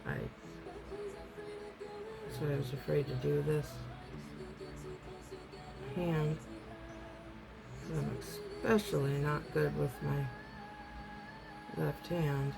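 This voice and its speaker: A woman with a rough, raspy smoker's voice gives a casual, rambling, self-deprecating hands-on tutorial as an amateur host. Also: low voice, fairly even intonation, takes it slowly, long pauses, over music, poor audio. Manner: rambling, self-deprecating, loses train of thought.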